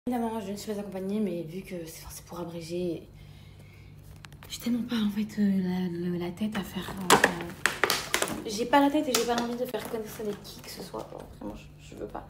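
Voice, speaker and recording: Speaking briskly in a mid-range voice, a young woman confides in her vlog audience, frequently slipping into soft, almost whispered asides. The recording is heavily echoey, with loud background ambience the whole time.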